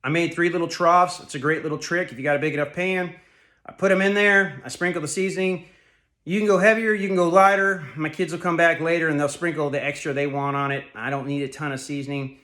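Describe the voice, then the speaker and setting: A slightly high-voiced man in his thirties talks through his meal prep in a home kitchen. He sounds a little out of breath from his workout. His delivery is easygoing and rambling, full of repeats and quick self-corrections. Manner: relaxed, repetitive, rambling with fillers and self-corrections. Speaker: fitness vlogger. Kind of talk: casual home cooking vlog.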